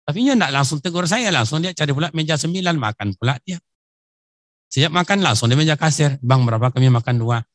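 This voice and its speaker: A man preaching a sermon with a Riau Malay accent, animated and acting out little stories, jumping into high-pitched bursts. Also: brisk, no room sound, studio quality. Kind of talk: lively sermon with acted-out stories.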